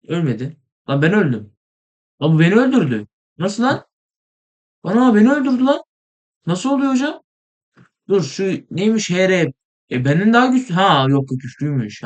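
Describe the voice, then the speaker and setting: Tired, excitable young man gaming. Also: fairly high pitch. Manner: rambling, excitable, swears in frustration, trails off into mumbling. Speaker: gaming video host. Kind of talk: casual gameplay commentary.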